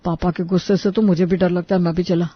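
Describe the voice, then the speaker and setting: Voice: medium pitch, flat delivery, husky, dry recording, highs cut off, close to an everyday voice. A performer voicing an impatient young adult son in a cartoon story, talking in a hurry. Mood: hurried. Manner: hurried, pleading.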